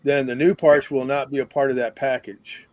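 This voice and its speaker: A man's voice: medium pitch, flat delivery, normal speed, no room sound. Casual male guest, dry close sound. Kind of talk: casual conversation.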